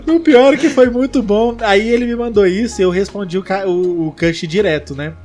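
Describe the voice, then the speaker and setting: A man's voice: sits high, normal speed, darkish tone. A man with a Brazilian Portuguese accent, co-hosting a podcast in casual, slangy banter and laughing often. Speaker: podcast co-host.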